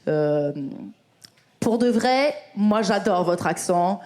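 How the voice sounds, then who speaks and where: A woman in her late thirties with a French accent, doing a chatty, animated live stand-up set with crowd work. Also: mid-range voice, slow. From France. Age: 30s. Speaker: stand-up comedian. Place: comedy club stage.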